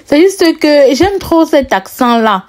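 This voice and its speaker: A woman's voice: high voice, sing-song, slow, darkish tone. A woman with a strong Cameroonian French accent hosts a casual cooking vlog. She chats as she cooks, asks her viewers questions directly, and laughs often as she talks. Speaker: cooking vlogger.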